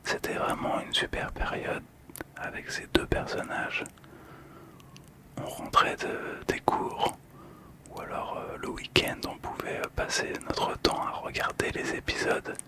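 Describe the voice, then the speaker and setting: Here a man hosting ASMR describes a card entirely in whispers, soft and calming, with an intimate close mic monitored on headphones. His breathy, unvoiced whisper moves slowly and gently, with soothing pauses.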